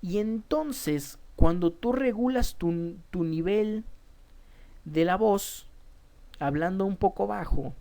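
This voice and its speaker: A woman's voice: medium pitch, slow pace, dark tone. A woman with a Mexican Spanish accent, a teacher giving a public speaking lesson, emphatic and addressing her students directly, often restarting words.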